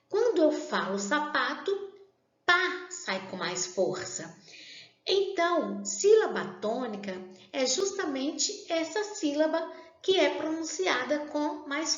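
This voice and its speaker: Woman teacher, slow and lively. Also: sits high. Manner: slow, deliberate, stretches out example words. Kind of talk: classroom grammar lesson. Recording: roomy, dull lo-fi sound.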